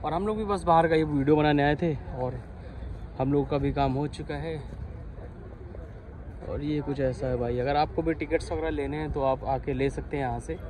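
A young man with a Lucknow Hindi accent, talking excitedly to viewers as he walks around with a handheld camera. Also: a little high, normal speed, poor audio. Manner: excited, chatty, calls viewers bhai. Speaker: vlogger. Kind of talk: walking vlog, handheld. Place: outdoors by a stadium and in a crowded ticket hall. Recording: handheld camera amid loud crowd. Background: crowd and traffic noise.

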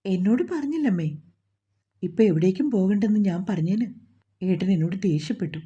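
A frightened young pregnant woman, played by a woman storyteller speaks plaintively, pitched a little higher, with a dark, breathy tone. The recording is dull and lo-fi. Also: expressive, a little fast. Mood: meek. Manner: plaintive, fearful.

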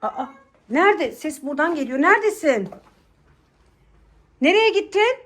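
Exasperated high-voiced mother scolding. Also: sing-song, measured pace, fairly bright tone. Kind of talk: scripted family skit. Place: home bedroom.

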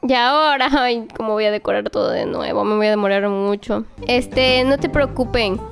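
A young woman narrating her doll play in a lively, exclamatory way, talking to the toys like a babysitter. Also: fairly high pitch, moderate pace, vocal fry, faint music behind. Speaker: toy play vlogger.

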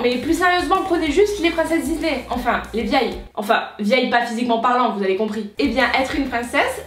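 Brash young woman, high-pitched, comedic crude rant, slightly distant mic in a roomy space. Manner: brash, crude and self-mocking, swings to loud outbursts. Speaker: youtuber. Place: at home on a sofa.

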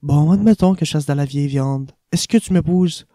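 A man voicing a playful young woman who teases her lover, in a warm, raised voice. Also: on the high side, normal speed, no room sound, studio quality, pitched above the performer's own voice, natural voice. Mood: teasing.

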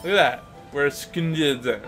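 A man's voice: fairly high pitch, normal speed. Joking young man over game music. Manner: joking, playful, boastful. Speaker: let's play co-host. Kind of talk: casual gameplay chat. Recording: game music playing behind.

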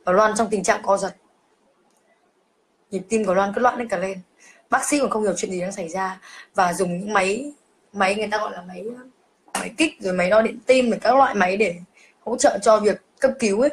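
A woman's voice: medium pitch, steady tone, fairly quick, long pauses. A young woman, emotionally telling her own ghost story on a live stream and calling herself by name. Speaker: livestreamer. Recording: faint background noise.

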